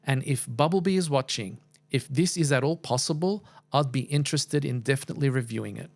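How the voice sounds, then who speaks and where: A man's voice: medium pitch, a little fast, vocal fry. A man narrating a scripted product review as the reviewer, with a wry, playfully exaggerated way of talking.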